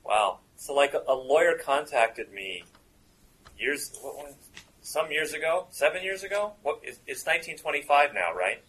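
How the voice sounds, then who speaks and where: A man voicing a hazy, broke English stoner who rambles slowly and hesitantly, with an English accent. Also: on the high side, sing-song, a bit bright, rough recording. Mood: rambling. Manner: slow, rambling, hesitant drawl.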